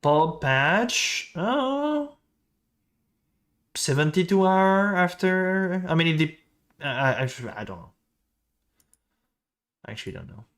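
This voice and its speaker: A man's voice: high-pitched, big pitch swings, slow, long pauses, fairly bright tone. A man with a French accent streaming a game, thinking aloud, muttering to himself and answering chat in a casual way.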